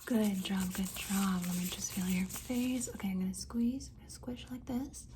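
Close to the mic, a woman performs an ASMR role-play as a face examiner, whispering in a breathy, mostly unvoiced way with fast, repetitive, insistent patter. Her voice is mid-range and steady, and there's background noise.

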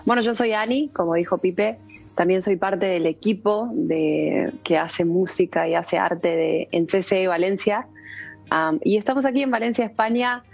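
A woman's voice: medium pitch, normal speed, gravelly, darkish tone, lo-fi sound. A woman from Argentina with an Argentine Spanish accent, chatting casually about her church's music team and laughing easily. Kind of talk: casual video call chat.

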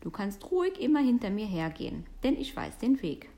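A happy little storybook bear, as a woman reading aloud puts him on, talking in a bright, raised tone. His voice leaps up and down with eager delight. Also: mid-range voice, sing-song, fairly quick. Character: cheerful little male bear, trusting guide.

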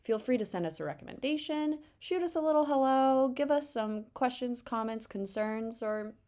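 A woman's voice: on the high side, animated, moderate pace, a little mellow. A woman co-hosting a podcast, talking casually and rambling with lots of fillers and self-mocking humor. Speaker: podcast co-host. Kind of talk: casual comedic chat.

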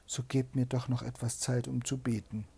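A man's voice: medium pitch, flat delivery, normal speed, gravelly, mellow, slightly rough. A man reading a fairy tale aloud and voicing a frightened young wife who pleads urgently in a raised voice. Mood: pleading.

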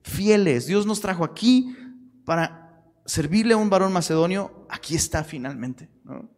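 A man with a Mexican Spanish accent preaches a relaxed Bible study, full of street slang and sudden shouted points. His voice sits a little high for a man. The sound carries a long reverb, as in a hall. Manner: lively, slangy, with sudden shouted emphasis and quick asides. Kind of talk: casual Bible-study sermon.

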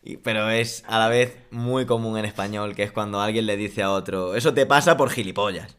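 Calm co-host with a Spain accent. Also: male voice, lowish voice, brisk, clean tone. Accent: Spain Spanish. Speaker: co-host, Spanish teacher. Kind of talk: casual lesson chat.

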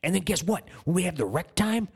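A man's voice: high voice, lively intonation, brisk, vocal fry, a little mellow, slightly rough. A man co-hosting a podcast, doing an improvised comedy bit with rambling, mock-menacing tough-guy talk. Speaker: podcast co-host.

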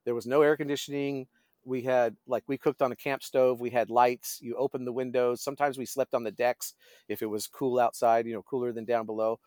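Speaking a little fast with a flat delivery, a middle-aged man shares casual stories on a podcast, where he's a guest. He's a pastor and fishing guide who often pauses to find his words. His voice is medium-pitched and slightly mellow, captured in clean studio sound with no room sound.

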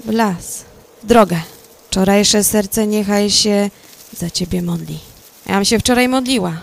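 A woman playing a guilt-stricken, defiant young murderess in halting, hushed verse recitation. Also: medium pitch, vocal fry, a little hiss or hum. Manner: broken, halting phrases, dropping to hushed tones.

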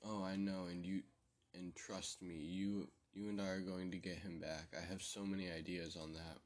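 A man's voice: sits low, level tone, moderate pace, lightly acted. A man voicing a sinister, scheming living doll with a small, sweet, pleading voice in a spoken horror story. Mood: wheedling. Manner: wheedling, pleading.

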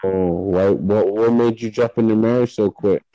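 A man's voice: lowish voice, fairly even intonation, moderate pace, warm tone, lo-fi sound, faint music behind. A man hosting a casual chat with strangers, laid-back and teasing. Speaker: host chatting with strangers.

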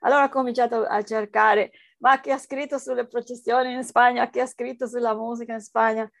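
Woman, non-native speaker, foreign accent, slightly high gravelly voice, hesitant interview answers, dry close sound. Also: little pitch movement, fairly quick, dry recording. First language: not Italian, speaks it as a foreign language. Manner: hesitant, searching for words in a non-native language. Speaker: interviewed researcher.

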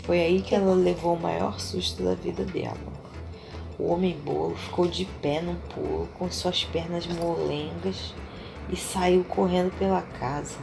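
Lowish gravelly mother reading a story. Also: steady tone, unhurried, over music. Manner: warm-hearted, playful, praising the children. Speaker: mother reading to her children. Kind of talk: reading a children's story aloud.

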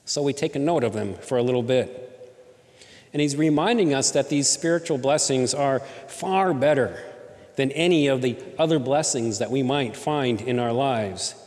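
A man's voice: medium pitch, moderate pace, a little mellow, long reverb tail. A man preaching a sermon as pastor, in a conversational way, often asking the congregation rhetorical questions. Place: church in Southern California.

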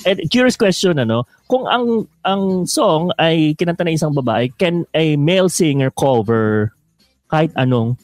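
A man's voice: fairly high pitch, expressive, measured pace, no echo, soft background music. A male host in a casual interview, chatty and laughing often as he reads out viewer questions.

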